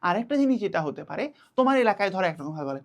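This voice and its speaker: A young woman teaching an online class to children, patient and repeating key words slowly. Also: mid-range voice, sing-song.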